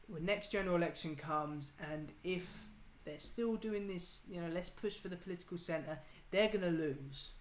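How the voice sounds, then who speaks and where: A man's voice: sits high, normal speed, few pauses. A man from England arguing political opinions in a casual debate, emphatic and ranting. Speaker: political talk show host. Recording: echoey room with faint noise.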